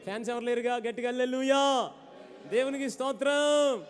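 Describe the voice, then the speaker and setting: A young man preaching a sermon, rousing his congregation to shout amen and slipping English words into his talk. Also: very high-pitched, brisk, clean tone. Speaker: pastor. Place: church hall. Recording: long hall reverb.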